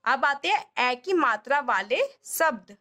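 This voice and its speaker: A woman with a high, light voice teaches step by step, patiently sounding out each syllable again and again. She speaks like a home tutor guiding parents through a lesson. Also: animated, sharp tone. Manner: patient, repeats sounds slowly and drawn out.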